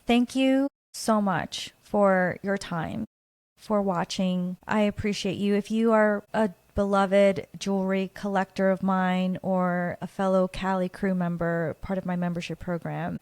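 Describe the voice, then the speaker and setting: A woman from Guatemala speaks alone into a close podcast mic, earnest and reflective as she opens up about her own life. Her voice sits at an ordinary middle pitch. The sound is dry, with no room echo. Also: fairly even intonation, unhurried, darkish tone. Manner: earnest, reflective, openly personal. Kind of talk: personal solo monologue.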